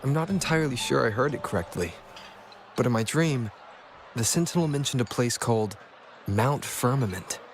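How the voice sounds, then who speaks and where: A man voicing a calm, thoughtful young hero in a video game cutscene, measured and earnest. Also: mid-range voice, slight background noise, close to an everyday voice. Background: faint game music.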